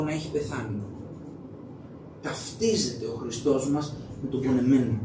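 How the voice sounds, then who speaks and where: A man's voice: sits high, darkish tone, slight background noise. A young man preaching a sermon in a church, talking conversationally and putting questions to the congregation. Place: church hall. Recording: echoey hall, mic at a distance.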